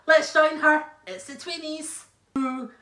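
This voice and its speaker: A woman's voice: sits high, steady tone, slow, a bit bright, reverberant, recorded from a distance. A woman presenting a children's TV morning block, introducing each show in a bubbly, playful, exaggerated way. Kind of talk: live continuity links between kids' shows.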